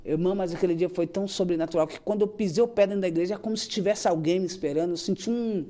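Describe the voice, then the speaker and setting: A woman tells an emotional religious testimony. Her voice is mellow and a touch dark. She talks earnestly and acts out her own prayers as she goes. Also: on the low side, very fast. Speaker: guest giving a church testimony.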